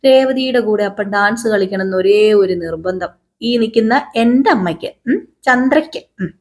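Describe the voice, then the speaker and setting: A woman's voice: medium pitch, animated, normal speed. A woman voicing an earnest young man who explains and pleads with his father. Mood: pleading. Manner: persuasive, explaining.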